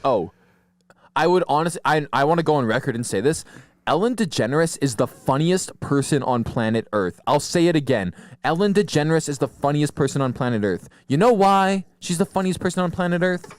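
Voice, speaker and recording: A man's voice: fairly high pitch, brisk, dry recording. A young man co-hosting a comedy podcast, talking casually with lots of swearing and laughter. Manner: animated, profane, laughs often. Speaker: podcast co-host.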